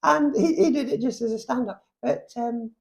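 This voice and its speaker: A man voicing a goofy, chatty sock puppet in a slightly muffled falsetto, rambling through comic chat. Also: moderate pace, creaky, a little mellow. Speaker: podcast guest, puppet comedy act. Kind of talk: improvised comic chat in character.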